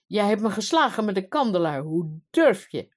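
A woman voicing a storybook king who scolds and shouts in fury. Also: medium pitch, very animated, normal speed, voice pushed up. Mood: angry. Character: kind-hearted king turned blustering, man.

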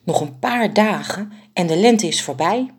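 Woman playing a large lead bird, thoughtful, regretful, lively, storybook. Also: on the low side, measured pace. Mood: pensive. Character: big pensive female lead bird.

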